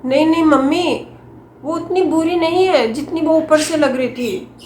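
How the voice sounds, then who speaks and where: A woman's voice: sits high, unhurried, darkish tone, echoey room, a little hiss or hum. A woman playing a young, newly married daughter-in-law who talks in an earnest, pleading way.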